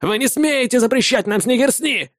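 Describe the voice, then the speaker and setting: A man voicing a furious male peasant prisoner who yells and spits insults. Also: expressive, moderate pace, no room sound, studio quality. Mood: yelling. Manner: yelling, spiteful, shrill.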